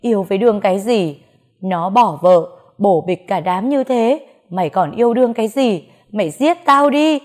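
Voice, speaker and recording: A woman's voice: mid-range voice, normal speed, darkish tone, lightly acted. A woman voicing a grieving mother who laments tearfully over her daughter. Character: grieving mother, sobbing and pleading.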